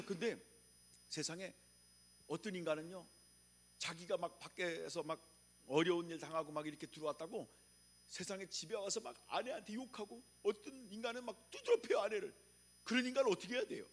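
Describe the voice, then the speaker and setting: A man's voice: high-pitched, animated, normal speed. A male pastor from preaching a revival sermon, calling on the congregation to repeat after him and answer back. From Chungcheong, Korea.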